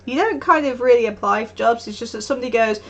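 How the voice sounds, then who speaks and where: An art streamer with a slightly high voice talks at a quick pace on a live stream, and the audio sounds dull. She tells chatty stories, laughs frequently and acts out what people said.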